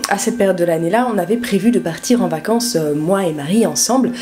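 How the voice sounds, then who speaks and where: Low-pitched young Frenchwoman telling a casual story. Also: fast talker, warm tone, soft background music. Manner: informal, slangy, addresses the viewer directly. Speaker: vlogger telling a personal story.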